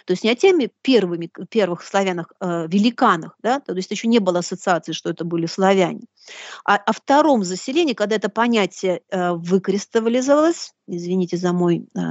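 A woman giving a deliberate, didactic lecture in bookish phrasing, reading out quotations as she goes. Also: mid-range voice, no echo, highs cut off. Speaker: lecturer hosting a live broadcast.

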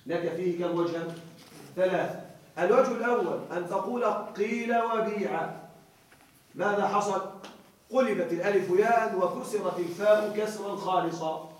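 Guy teaching grammar in a big echoey room, kinda high voice, far from the mic, keeps asking if everyone's with him. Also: a little hiss or hum. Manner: explains slowly, repeats key words, checks "are you with me?". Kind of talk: classroom lecture.

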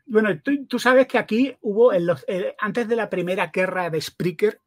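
A man's voice: high-pitched, normal speed, dry recording, studio quality. A man with a Spain accent hosting a podcast, chatty and enthusiastic, asking long questions. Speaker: podcast host. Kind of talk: casual interview chat.

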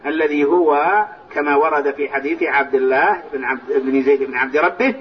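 A man teaching a lesson on hadith, explaining the texts step by step and softly reciting phrases of the call to prayer, heard in an old recording from a large mosque. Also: a little high, fairly quick. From Saudi Arabia. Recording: distant, dull, lo-fi old recording with faint hiss.

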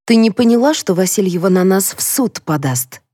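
A woman reading an audiobook, voicing a cold, domineering older matriarch who speaks slowly and deliberately. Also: mid-range voice, expressive, mellow, no room sound, clean studio sound, close to an everyday voice. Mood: stony. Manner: slow, stony and deliberate.

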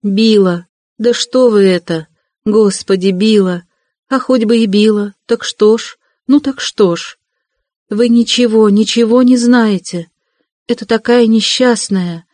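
A timid young woman pleads fervently in a soft, lifted voice, as a man puts her on while reading an audiobook. The sound is dry and close, with no room around it. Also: high-pitched, a little slow, no echo, voice pushed up. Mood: pleading. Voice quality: raised, soft and fervent delivery.

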